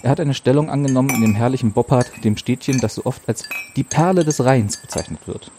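Mellow-voiced male audiobook narrator. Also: medium pitch, quick pace, a little hiss or hum. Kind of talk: scripted narration.

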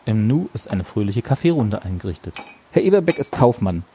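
A man narrating a children's book in a calm, measured storytelling manner. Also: lowish voice, slight background noise. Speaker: audiobook narrator. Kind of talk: scripted narration.

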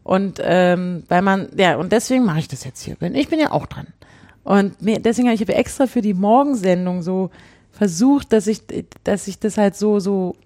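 A woman's voice: mid-range voice, lively intonation, normal speed, mellow. A woman hosting a casual talk show, explaining her views earnestly with hesitant restarts. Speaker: show host. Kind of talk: casual chat.

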